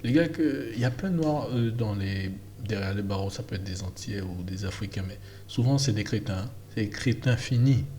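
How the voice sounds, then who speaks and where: A man's voice: lowish voice, brisk, few pauses, dark tone, a little hiss or hum. A man from French Guiana giving an emphatic, casual opinion monologue with many fillers and restarts. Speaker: vlogger.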